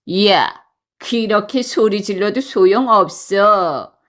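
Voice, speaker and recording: A woman voicing gruff male mountain bandits who bark threats and orders. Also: mid-range voice.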